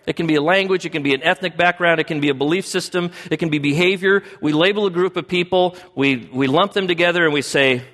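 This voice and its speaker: A man's voice: on the high side, quick pace, hardly any pauses, fairly bright tone. A man preaching a sermon as pastor, talking in a conversational way and often asking the congregation questions. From United States. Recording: long hall reverb.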